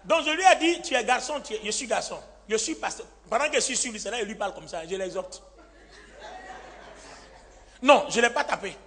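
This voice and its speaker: Animated high-voiced preacher man. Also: brisk, long pauses. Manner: animated, acts out quoted lines, laughs often. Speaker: pastor. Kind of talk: storytelling sermon. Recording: live hall with long reverb and faint music.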